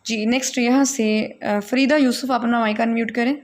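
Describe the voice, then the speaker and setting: A woman's voice: fairly high pitch, fairly even intonation, darkish tone, a little hiss or hum. A woman teaching Quran recitation rules in an online class, patient and corrective with her students. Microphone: online call.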